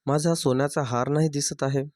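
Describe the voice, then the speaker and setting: A man's voice: mid-range voice, steady tone, fairly quick, a little mellow, no room sound, lightly acted. A man voicing a suspicious mother-in-law who speaks angrily, recorded dry. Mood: angry. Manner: angry, scolding.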